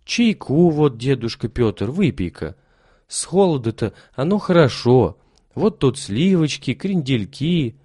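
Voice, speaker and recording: A man voicing a kind, caring woman who talks gently and coaxingly in a storybook reading. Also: mid-range voice, sing-song, unhurried, breathy edge, no room sound, clean studio sound. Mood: kindly. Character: kind, caring middle-aged woman host.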